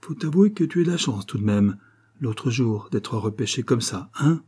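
A man's voice: medium pitch, lively intonation, moderate pace, mellow, breathy edge. A male reader voicing a cynical, murderous young bandit who talks in a coaxing, mocking, cold way.

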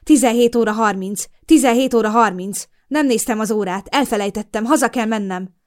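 A woman's voice: a little high, pitched above the performer's own voice, close to an everyday voice. A woman reading the part of a tormented young man in an audiobook, frantic and repeating himself. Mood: panicked. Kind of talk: audiobook character voice.

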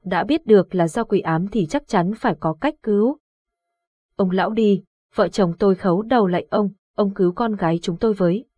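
A woman reading the lines of a terrified, sobbing mother begging for help in a horror audiobook, with a husky voice. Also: medium pitch, a little slow, pauses often, darkish tone, dry recording. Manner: frantic, tearful.

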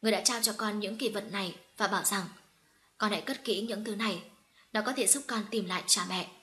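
A woman's voice: medium pitch, brisk, sharp tone, close to an everyday voice. A woman voicing a young orphan woman who speaks choked and sobbing. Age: young adult. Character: young orphan woman, emotional, finding her family.

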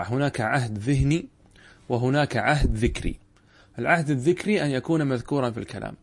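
Man teaching grammar, measured pace. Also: medium pitch. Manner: measured, checks understanding with rhetorical questions; repeats key points for emphasis. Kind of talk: classroom lesson explaining a text.

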